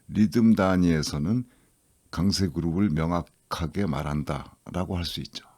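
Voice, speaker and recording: A man teaching English listening in a lecture, explaining rules slowly and reading English examples aloud. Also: low voice, warm tone, dry recording, clean studio sound. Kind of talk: scripted lecture narration.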